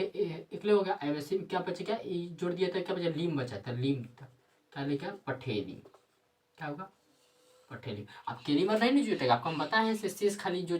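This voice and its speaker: A woman's voice: on the low side, recorded from a distance. A woman teacher gives a grammar lesson. She keeps asking questions and answering them herself, with frequent tag questions.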